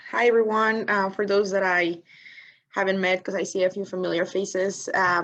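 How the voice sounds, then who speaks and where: A woman's voice: mid-range voice, fairly bright tone. A young woman in her twenties, speaking friendly and thoughtfully as a guest on a webinar panel over a video call. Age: 20s. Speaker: guest consultant. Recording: dull lo-fi video call audio.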